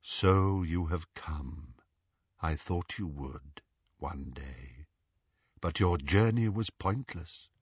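A man voicing a frail, emaciated old male prisoner who speaks quietly, slowly and wearily. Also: very deep voice, animated, slightly rough, dry recording, muffled recording, voice pushed down, full character voice. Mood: weary. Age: older. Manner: quiet, slow, weary.

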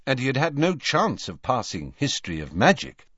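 A man giving a measured, deliberate storybook narration as an audiobook reader. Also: mid-range voice, wildly swooping pitch, fairly bright tone, slightly rough, no echo, highs cut off.

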